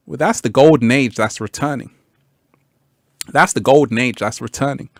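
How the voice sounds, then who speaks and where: Male livestream host, unhurried and easygoing, repeats lines, dry close mic. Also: mid-range voice, dry recording. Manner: laid-back, laughs often, repeats phrases, sudden whoops. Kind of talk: live stream chat, reading comments.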